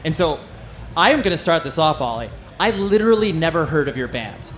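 An American man from California hosts a casual live interview on a music festival stage, chatty, effusive and conversational. He's a podcast host and interviewer with a fairly high, slightly bright voice, very animated and fairly quick. Festival background noise is audible.

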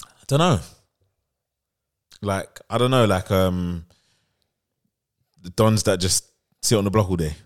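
A man with a deep voice and a London roadman accent. He banters casually in street slang, as on a relaxed podcast among friends. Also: slow, long pauses. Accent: London, urban street style.

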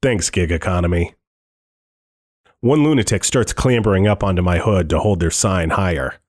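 A man's voice: low-pitched, moderate pace, a little mellow. A man reading a first-person thriller audiobook in a tense, wry inner-monologue voice. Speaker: narrator.

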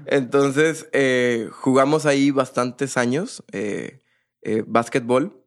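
A man's voice: medium pitch, slow. A young man, a percussionist guest, telling his story in a casual, rambling way with many fillers and restarts.

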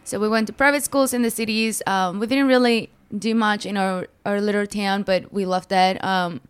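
A woman's voice: medium pitch, steady tone, moderate pace, clear, resonant tone. A young woman from Mexico, a podcast guest, chatting casually about her childhood with many fillers. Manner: chatty, filler-heavy, laughs easily. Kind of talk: casual interview chat.

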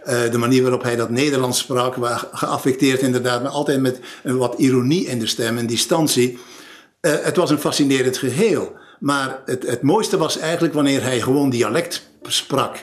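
A man's voice: mid-range voice, normal speed. A man in an interview, recalling someone in a thoughtful, hesitant way. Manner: thoughtful, hesitant, restarts words. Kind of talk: reflective interview talk.

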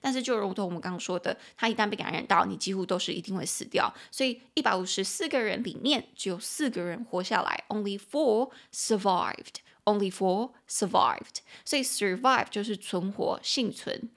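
Taiwanese woman, podcast English teacher, slight vocal fry, reads lines slowly then chats through them. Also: medium pitch, fairly bright tone. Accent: Taiwanese Mandarin. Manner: chatty, explanatory. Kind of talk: bilingual language-lesson podcast.

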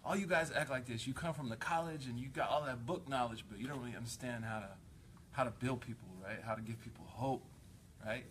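A man voicing a wise, patient sheikh who gently scolds a young scholar in a teacherly way. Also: mid-range voice, brisk, a little hiss or hum, lightly acted. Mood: admonishing. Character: wise, patient older male sheikh mentor.

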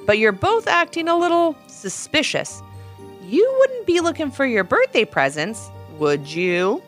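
Woman playing a mom, knowing, teasing, suspicious, lively pitch. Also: a little slow, soft background music. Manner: suspicious, smirking. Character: knowing, gently teasing mother.

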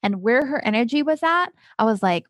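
Woman coach on her podcast, chatty and emphatic, kinda high voice, dry close sound. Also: expressive, a little fast, dry recording. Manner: chatty, emphatic, frequent rhetorical questions. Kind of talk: casual solo podcast talk.

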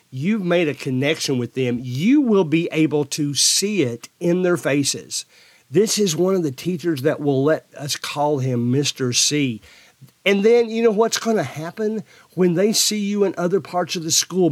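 A man's voice: on the high side, moderate pace, no echo. A man hosting a solo podcast, giving earnest advice to substitute teachers and repeating phrases as he finds his words. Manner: drops into a dull monotone for emphasis.

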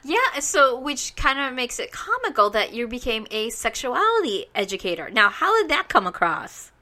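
A woman's voice: a little high, very animated, normal speed, sharp tone. A woman hosting a podcast, chatting in an upbeat, giggly way as she introduces and interviews a guest. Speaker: podcast host. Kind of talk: casual interview chat.

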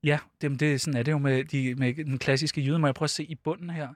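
A man's voice: on the high side, steady tone, no room sound. A man co-hosting a satirical comedy podcast in a studio, playful and mock-earnest. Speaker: podcast co-host.

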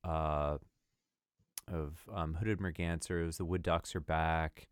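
Low, smooth-voiced male co-host, relaxed and hesitant, close dry mic. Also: takes it slowly, no echo. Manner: easygoing, hesitant with fillers. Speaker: podcast co-host. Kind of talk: casual chat.

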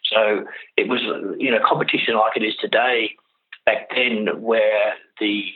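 An Australian man explaining things informally as an interview guest, halting and often repeating his words. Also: on the low side, flat delivery. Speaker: interview guest, carriage driver. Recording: dull lo-fi radio-like audio.

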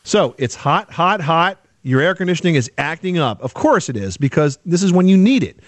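A man's voice: on the high side, very animated, normal speed, no room sound. A man hosting a home improvement call-in show, explaining things step by step in a conversational, folksy way. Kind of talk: conversational radio advice.

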